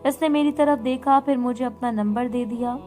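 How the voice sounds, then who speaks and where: A female storyteller reads a scripted first-person tale in a steady, even manner. Her voice sits a little high. Soft music plays faintly underneath. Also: normal speed.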